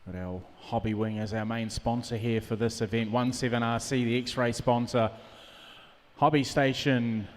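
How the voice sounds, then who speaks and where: A man's voice: mid-range voice, steady tone, moderate pace, slight background noise. A man giving live race commentary and announcements at an indoor venue. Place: large indoor racing venue. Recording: reverberant indoor hall.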